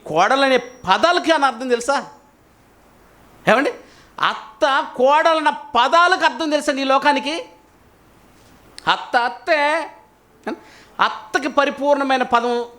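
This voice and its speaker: A male pastor preaching a sermon in an animated way, often putting questions to his congregation. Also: very high-pitched. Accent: Telugu.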